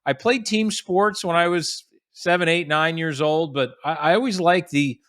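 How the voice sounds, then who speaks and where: A golf professional in his forties from the United States chats as a guest on a casual podcast, telling stories with frequent restarts and fillers. His voice is fairly high and a bit bright at a normal speed, recorded dry and close with no echo.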